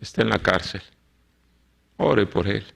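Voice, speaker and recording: A man voicing a worried churchgoing mother who asks her pastor for prayer, in a soft, hushed voice. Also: on the low side, expressive, a little slow, gravelly, slightly rough, pitched below the performer's own voice, exaggerated voice.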